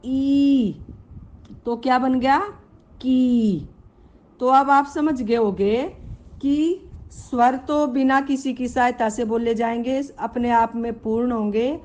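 A woman's voice: on the high side, darkish tone, muffled recording. A woman teaching Sanskrit in an online grammar lesson. She patiently spells out sounds, asks her pupils questions and calls them beta. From Haryana, India.

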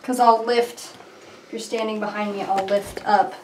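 A woman's voice: medium pitch, level tone, normal speed. A young woman cosplayer chatting playfully while filming behind the scenes in a small home bathroom, recorded on a camcorder. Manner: playful, joking. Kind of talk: casual chat. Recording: echoey bathroom, faint noise.

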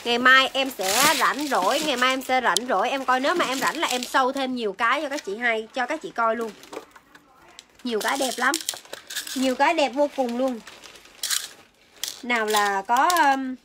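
A woman's voice: sits high, normal speed, long pauses, noisy background. A young woman selling on a phone livestream in an indoor shop, chatting casually to viewers and repeating her phrases. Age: young adult. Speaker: livestream seller. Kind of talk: casual live sales chat. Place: indoor beauty shop room. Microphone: phone at arm's length.

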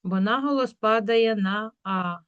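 A woman teacher working through a school workbook, drawing words out slowly to show where the stress falls. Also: medium pitch, clean tone, dry recording, muffled recording. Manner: slow, drawn-out word demonstrations.

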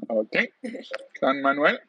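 A man's voice: medium pitch, sing-song, a little slow, no room sound, recorded from a distance, muffled recording. A middle-aged man hosting an interview over a video call, chatty with many fillers. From southern Germany. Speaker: talk show host. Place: room at home with plants.

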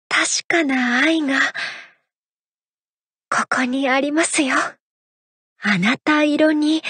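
Voicing a graceful, playful young female idol for a mobile game, a woman gives soft, intimate, affectionate lines in a high-pitched, full character voice. The studio-mic recording is dry.

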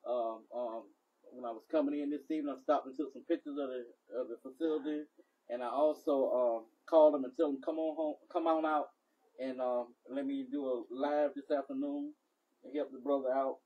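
A man's voice: mid-range voice, fairly even intonation, fairly quick, distant mic. A man with a Southern US accent hosting a casual live stream, chatty and coaxing. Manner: chatty, coaxing, laughs easily. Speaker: community live-stream host. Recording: dull, husky sound from behind the camera.

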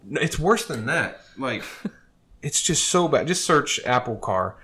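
A man's voice: mid-range voice, sing-song, a little slow, pushed and bright, slightly rough. A man hosting a casual car talk show, chatting with friends in a laid-back, opinionated way. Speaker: host. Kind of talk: casual chat. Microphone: table microphone.

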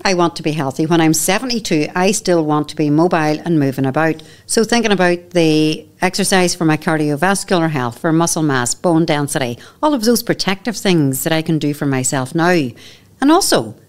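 Northern Irish woman, 50s, slightly low-pitched, earnest and emphatic interview guest. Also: lively intonation, a little fast. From Northern Ireland. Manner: earnest, emphatic, repeats key phrases. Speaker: podcast guest, menopause educator. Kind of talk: candid conversational interview. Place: studio set with armchairs. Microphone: boom microphone on stand.

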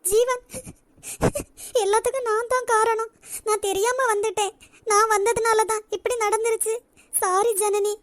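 A very high, close and dry voice for a meek young college girl in a cartoon, voiced by a woman. She speaks softly and apologetically, with a pleading tone and a Nagercoil Tamil accent. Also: steady tone, moderate pace, long pauses, no echo. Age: young adult. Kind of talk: cartoon voice acting.

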